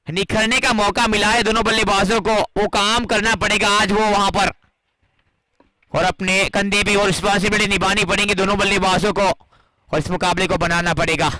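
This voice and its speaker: An Indian man calls a cricket match as an excited live commentator. His voice is high and strikingly forceful, with a dry, close sound. He is dramatic and emphatic. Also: fairly quick, no room sound, low-quality recording. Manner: dramatic, emphatic, rising into exclamation at key moments.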